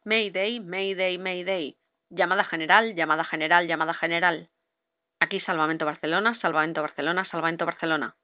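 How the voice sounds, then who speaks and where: A woman's voice: on the low side, steady tone, brisk, dry recording. A woman instructor reciting formal marine radio calls in set procedure wording. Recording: dull lo-fi recording.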